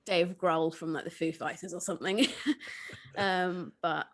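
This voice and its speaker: A woman co-commentating on a casual livestream. Her voice is husky and gravelly, hoarse as she gets over an illness. She talks informally and pokes fun at herself. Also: on the low side, fairly even intonation, a little slow. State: hoarse, recovering from illness with a cough. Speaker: guest co-commentator.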